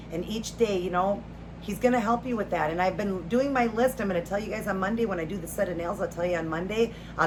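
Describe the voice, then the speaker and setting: Female vlog host, middle-aged, mid-pitched voice, homey casual chat, noisy home recording. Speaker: host of a food and faith vlog. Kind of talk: casual chatty talk to viewers. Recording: noticeable background noise, home video.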